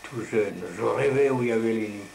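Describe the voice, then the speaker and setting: A man's voice: fairly low pitch, brisk, vocal fry, a little mellow. An elderly man with a grandpa voice, casually telling rambling, colloquial stories of his past. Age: elderly, 70s or older. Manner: grandpa voice: old man's rambling, colloquial storytelling. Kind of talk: casual reminiscing and storytelling. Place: living room at home. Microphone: camcorder microphone across the table. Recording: roomy, noisy home camcorder recording.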